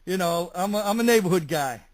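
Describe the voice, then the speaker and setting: A man's voice: high voice, animated, fairly quick. A man with a Brooklyn New York accent, hosting a chatty talk show interview.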